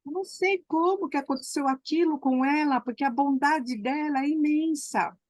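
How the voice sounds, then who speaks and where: Effusive woman, higher voice, dry sound. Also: moderate pace, dry recording. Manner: effusive, repeats words for emphasis. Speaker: class participant. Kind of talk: emotional storytelling on a call.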